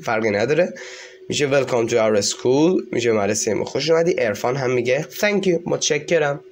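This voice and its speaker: A man teaching a school English lesson with an Iranian Persian accent. He reads the English phrases slowly, then translates and explains them. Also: medium pitch, slight background noise. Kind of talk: textbook lesson walkthrough.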